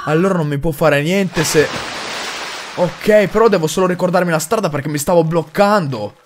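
Excitable young man playing a horror game. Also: a little high, moderate pace, slight background noise. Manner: excitable, swears mildly, addresses viewers. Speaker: gaming video host. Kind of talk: horror game let's play commentary.

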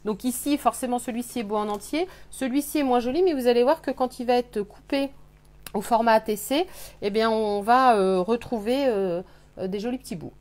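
Woman host of a live craft workshop, slightly high voice, halting and filler-heavy delivery. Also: a little mellow. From France. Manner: hesitant, many fillers. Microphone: webcam on a live stream.

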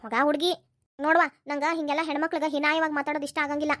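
A stern old cartoon grandmother scolds her family bluntly in a North Karnataka Kannada accent, with a woman putting her on. The voice sits very high and moves quickly. It is recorded dry and close, with no room sound. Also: little pitch movement, fairly bright tone, no echo. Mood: scolding. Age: older. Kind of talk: cartoon voice acting.

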